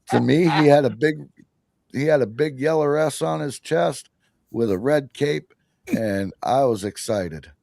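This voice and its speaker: A man's voice: medium pitch, a little slow, vocal fry, long pauses, darkish tone, no echo. A man hosting a podcast, telling a rambling story in casual chat, interrupting himself and laughing often. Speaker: podcast host.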